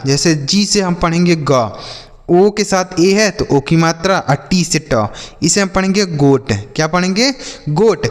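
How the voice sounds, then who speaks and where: Man, children's reading teacher, slow letter-by-letter spelling, repeat-after-me questions, echoey hall. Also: high-pitched. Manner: spells letters slowly and asks pupils to repeat. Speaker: English teacher. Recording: long hall reverb.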